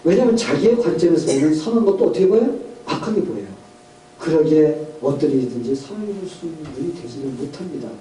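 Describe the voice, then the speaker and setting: Korean pastor preaching in an echoey church. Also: male voice, a little high, expressive, fast, warm tone, distant mic, a little hiss or hum. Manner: storytelling with questions to the congregation, voicing characters. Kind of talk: sermon. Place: church sanctuary.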